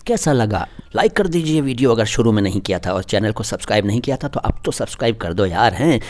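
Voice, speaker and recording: A man's voice: on the low side, lively intonation, fast, a little mellow, a little hiss or hum. A man, patiently explaining song lyrics and correcting pronunciation in a language lesson. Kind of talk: explanatory lesson on Hindi and Urdu word pronunciation.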